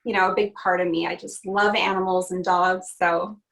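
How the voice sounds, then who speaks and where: A woman's voice: lowish voice, flat delivery, normal speed, vocal fry, fairly bright tone, poor audio. A young adult woman from Canada, a country singer, chatting upbeat and laughing often in a casual video-call interview.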